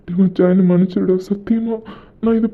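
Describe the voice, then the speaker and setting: A man's voice: high-pitched, fairly even intonation, brisk. A man voicing Ranjith, a guilt-ridden young man who keeps begging his friend's forgiveness, in an amateur audio drama. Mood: pleading. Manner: pleading, apologetic. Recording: tinny phone-like recording.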